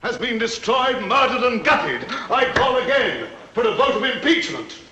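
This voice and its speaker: A man's voice: very high voice, big pitch swings, moderate pace, highs cut off. An actor playing an indignant aristocratic lord in a 1940s period film, pompous and oratorical as he makes accusations. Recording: roomy, noisy 1940s film soundtrack.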